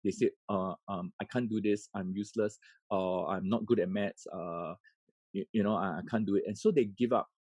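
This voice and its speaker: A man's voice: mid-range voice, warm tone, slightly rough, no echo, low-quality recording. A man, an education coach giving an earnest webinar talk. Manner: earnest, with many fillers and restarts.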